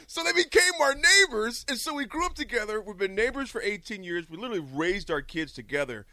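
Animated, bright-voiced male radio host. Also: high voice, a little fast. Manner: animated, jokey storyteller who laughs a lot. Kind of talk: lively radio talk. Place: radio studio.

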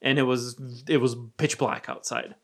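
A young Romanian man with an American accent tells a personal story in a casual chat, animated and swearing freely, dropping to a low murmur whenever he quotes his own thoughts. His voice is gravelly and a bit bright, with a steady tone at normal speed.

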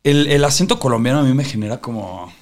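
A man's voice: mid-range voice, animated, fast, over a noisy crowd. A man hosting a casual podcast chat, playful and exclamatory as he welcomes guests. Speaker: podcast host.

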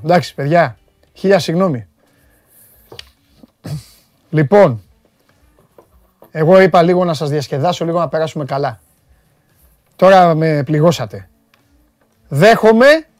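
A man's voice: fairly high pitch, pauses often, dry recording. A man hosts a sports talk show, reading out viewer comments and trading jokes with his crew. His voice is dry and close, and faint music plays underneath. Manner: joking, animated, banters with studio crew.

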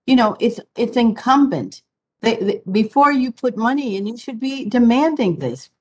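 A woman's voice: fairly high pitch, lively intonation, normal speed. A woman answering as a panelist, unscripted, in a blunt and insistent way.

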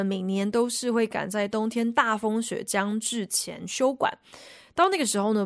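A woman's voice: medium pitch, no echo. Chatty woman radio host, dry sound. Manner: chatty, explanatory. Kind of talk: radio lesson on English phrases and film.

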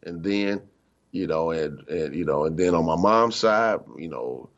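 A man's voice: low voice, unhurried, dull audio. A middle-aged man giving a conversational, emphatic spiritual talk as a minister, acting out the voices he quotes. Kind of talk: spiritual teaching talk on radio.

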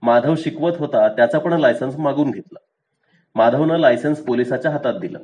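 A man narrating a short story aloud in a measured, dry storytelling manner. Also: medium pitch, a little mellow, rough recording. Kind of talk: storybook reading.

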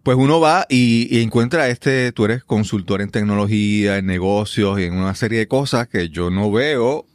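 A man interviewing a guest, friendly and quick to affirm with ok. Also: lowish voice, dry recording. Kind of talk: conversational interview.

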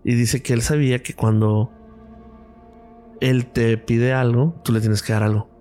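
Mexican guy on a podcast telling a story, acts out all the quotes, mellow warm voice, faint music behind. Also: medium pitch, fairly even intonation, measured pace. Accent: Mexican Spanish. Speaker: radiologist guest.

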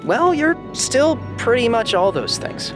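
A male freighter spaceship in a sci-fi audio drama. His voice is high and very animated, full of easygoing, teasing slang. He plays the brash adventurer over a music bed. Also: a little slow, heavily acted. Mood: affectionate teasing. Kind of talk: audio fiction drama acting.

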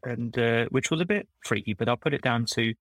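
A man's voice: mid-range voice, brisk, fairly bright tone, dry recording, rough recording. A middle-aged man, a former recruiter turned coach, chatting on a podcast in a rambling, self-correcting storytelling manner. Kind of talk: casual podcast conversation.

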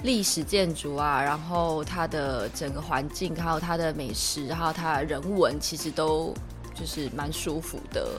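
A woman's voice: low voice, moderate pace, music in the background. Giggly woman guest telling travel stories. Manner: giggly, animated storytelling. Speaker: podcast guest. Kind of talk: casual chat.

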